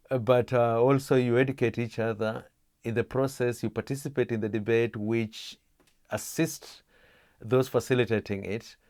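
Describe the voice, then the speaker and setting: A middle-aged man from Kenya, explaining his theatre work in an interview, measured with many pauses and restarts. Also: mid-range voice, no room sound, studio quality.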